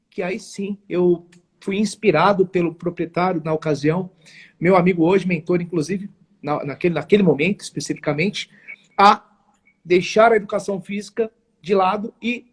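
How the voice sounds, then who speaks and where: On a video call, a paulistano in his forties, a network marketing entrepreneur, recounts his story as a live interview guest. His husky voice sits high, and he speaks in a formal, earnest, emphatic way. He keeps breaking off and starting over.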